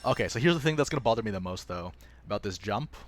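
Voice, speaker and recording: A gaming livestreamer talks fast in a lowish, expressive male voice while playing live. He laughs often, chats playfully with viewers, and jokes at his own expense in casual gameplay commentary.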